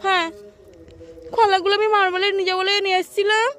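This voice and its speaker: A woman's voice: extremely high pitch, little pitch movement, fast, fairly bright tone. A woman talking to her small child in a coaxing, sing-song way, asking many questions. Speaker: mother filming her child. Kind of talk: casual chat with a child.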